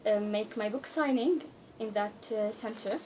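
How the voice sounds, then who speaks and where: A sixteen-year-old author, born in Spain and raised in Jordan from age seven, gives simple, hesitant answers as a guest in a casual radio studio interview; she is a native speaker of Arabic and Spanish. Her voice is medium-pitched, unhurried and a little mellow, with a slight hiss or hum in the audio.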